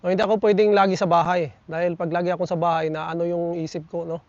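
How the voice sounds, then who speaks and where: A man's voice: sits high, little pitch movement, fast, a little mellow, no room sound, dull audio. A man vlogging outdoors in nature, reading and answering viewer comments in casual chat, with a chatty manner and frequent tag questions to his viewers. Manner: chatty, peppers lines with tag questions, addresses viewers as buddies.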